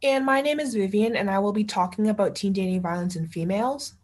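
A woman's voice: medium pitch, quick pace, darkish tone. A young woman presenting prepared information on a youth podcast, reading in an informational style.

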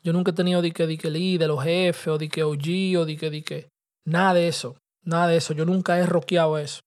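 A man's voice: a little high, level tone, brisk. A young man with a Dominican Spanish accent tells a personal story in loose street slang, casual and conversational, dropping English words. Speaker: podcast host telling a personal story.

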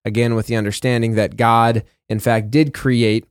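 A man at a middle pitch, co-hosting a relaxed Bible study chat. He reads verses aloud and then talks them through plainly, with the odd "uh" and quick self-correction. The sound is close and dry, with no room around it. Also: clean tone, no room sound. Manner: conversational, reads scripture passages aloud with fillers and self-corrections. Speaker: co-host of a Bible discussion. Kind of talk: casual Bible study discussion.

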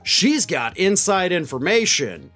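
A man's voice: sits high, wildly swooping pitch, a little slow, a bit bright, soft background music. A man delivering political news commentary in an incredulous, sarcastic, exasperated way. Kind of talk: scripted-sounding news commentary.

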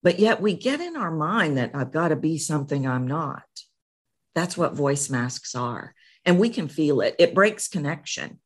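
A middle-aged woman coach explains her ideas in an energetic, emphatic way. Her pitch swings in a lively way, and she repeats phrases for emphasis. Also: moderate pace. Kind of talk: interview guest.

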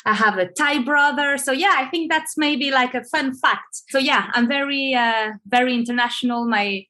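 A woman's voice: sits high, moderate pace, sharp tone. A woman being interviewed over a video call, talking casually with many fillers and restarts. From Venezuela. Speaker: guest, marketing manager. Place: home in Paris.

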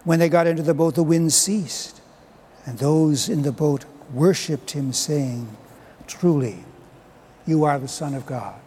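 A man, a priest, reading the Gospel and preaching at Mass in a measured, solemn way, his voice carrying a cathedral echo. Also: on the high side, warm tone, slight background noise. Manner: measured, solemn liturgical delivery. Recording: long church reverb.

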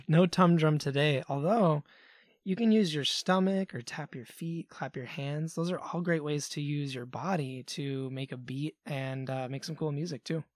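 A man, the musician co-host of a children's show, chatting in a friendly, relaxed way about making beats. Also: on the high side, a little slow, dry recording, clean studio sound. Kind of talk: casual chat.

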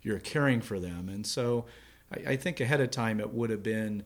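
A man's voice: lowish voice, moderate pace. A middle-aged man hosting a casual chat, easygoing and self-deprecating, once a middle school teacher. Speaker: host.

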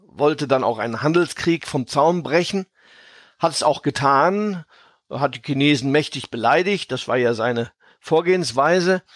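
A man speaking as an expert podcast guest, explaining in a measured, conversational way with genteel phrasing. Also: medium pitch, dry recording, studio quality. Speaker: podcast guest, fund manager.

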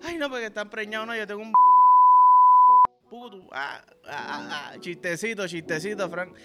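A man's voice: high voice, normal speed, over loud music. A Puerto Rican man hosting a podcast, telling a crude, profane, rambling story in slang-heavy casual talk. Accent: Puerto Rican Spanish. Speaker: podcast host.

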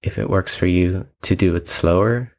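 Speaking in a low voice, a man leads a guided meditation, leaving long silences between his calm and measured instructions.

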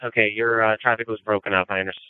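This fire incident commander speaks rapid-fire in a voice on the low side, keeping his tone level. His radio orders during fireground dispatching are businesslike and directive. The sound is clean with no room sound, though narrow and phone-like.

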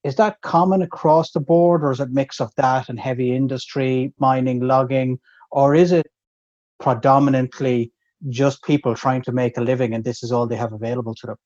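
A man's voice: medium pitch, fairly even intonation, normal speed, darkish tone, lo-fi sound. A man interviewing a guest, asking probing follow-up questions. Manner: inquisitive, probing.

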